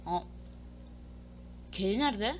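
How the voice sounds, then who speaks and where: A woman's voice: medium pitch, expressive, takes it slowly. A woman giving casual let's-play commentary, talking to herself and her viewers, reading game prompts aloud and swearing playfully. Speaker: gaming YouTuber.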